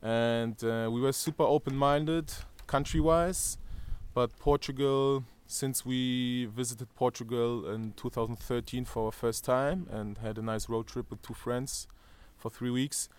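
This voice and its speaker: A man's voice: mid-range voice, fairly even intonation, moderate pace, hardly any pauses, clean tone. A man in his thirties from Germany with a German accent, interviewed outdoors on a terrace, talking hesitantly with many fillers and restarts. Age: 30s. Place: outdoor terrace above a valley.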